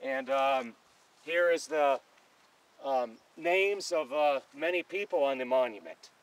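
A man's voice: medium pitch, slow pace, clear, resonant tone, poor audio. A middle-aged man from northern New York giving a rambling, chatty tour of an outdoor playground, filmed by a cameraman. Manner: rambling, chatty, with many fillers. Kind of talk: casual walking tour commentary. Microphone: camera held by a cameraman.

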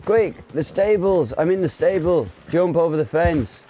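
A young man chatting casually while gaming with a friend, relaxed and amused. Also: on the high side, measured pace. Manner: laid-back, laughs at his friend. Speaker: co-player.

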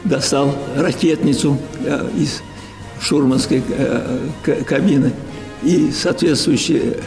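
A man in his nineties recalling the past in an interview, halting, with many fillers and restarts. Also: a little high, vocal fry, music in the background. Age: 90s. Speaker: war veteran and professor interviewed. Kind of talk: interview recollection.

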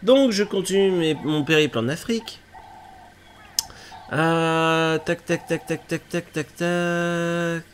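There's a slight hiss or hum behind this man's fairly high, slow-paced voice. In his thirties and stuffed up with a cold, he streams from a gaming chair in a small room at home, chatting casually, joking at his own expense and fussing over technical glitches while gaming.

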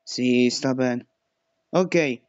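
A man's voice: mid-range voice, drawn-out words, dry recording. Panicky swearing young man, lo-fi mic. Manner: panicky, swearing and shouting at jumpscares. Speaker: gaming youtuber. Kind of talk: horror gameplay commentary.

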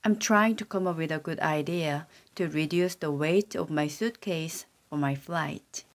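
Unhurried and low-pitched, this synthesized woman's voice works through a language lesson's sentence drills. She reads the repeated lines aloud steadily and with care.

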